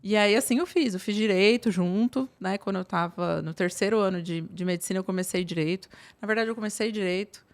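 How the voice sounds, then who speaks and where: A woman, a psychiatrist telling her story in a relaxed, chatty way with many fillers. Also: medium pitch, a little fast, hardly any pauses. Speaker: psychiatrist guest. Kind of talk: casual interview talk.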